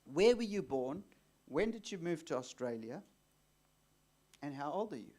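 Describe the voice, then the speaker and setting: A man hosts an onstage interview, his voice pitched a little high. He asks leading questions and keeps the guest going with short murmurs. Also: very animated, measured pace, a little mellow. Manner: leading questions with frequent "mm" backchannels. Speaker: host, exorcist.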